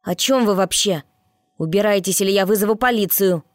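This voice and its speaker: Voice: medium pitch, brisk, no room sound, studio quality, voice pushed up, close to an everyday voice. A reader voicing a frightened but defiant ten-year-old boy in an audiobook, snapping back in a raised voice. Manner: defiant, shouting. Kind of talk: audiobook character voice.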